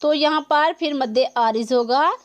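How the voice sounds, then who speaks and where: Speaking at a moderate pace in a voice that sits high, a woman leads a slow tajweed lesson recorded close to the mic. She explains each letter of Quran recitation and how long to hold it, step by step and with patience.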